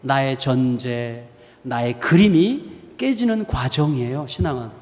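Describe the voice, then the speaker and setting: Male pastor, forties, lively storyteller preaching a sermon, voice ringing through a reverberant sanctuary. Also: medium pitch, a little slow. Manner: storytelling with lively acted-out quotes; self-described short-tempered, humorous asides. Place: church sanctuary.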